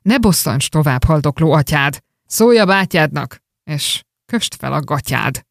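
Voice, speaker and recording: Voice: mid-range voice, expressive, gravelly, no echo, studio quality. A reader voicing a dying old miserly Scotsman. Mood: mocking. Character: dying old miserly Scottish father, gruff and scornful. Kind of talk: rhymed story reading.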